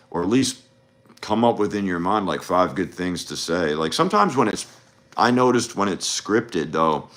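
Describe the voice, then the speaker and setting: A man's voice: sits low, fairly bright tone. A man coaching on dating in a loose, rambling livestream chat, full of fillers and restarts. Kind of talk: casual livestream talk. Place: home livestream.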